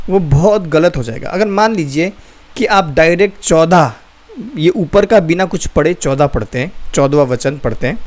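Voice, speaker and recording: A man's voice: fairly high pitch, darkish tone. Emphatic man teaching with rhetorical questions. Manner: emphatic, asks rhetorical questions and answers them, repeats key phrases; reads scripture slowly and deliberately. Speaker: host and Bible teacher. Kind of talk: online Bible teaching talk.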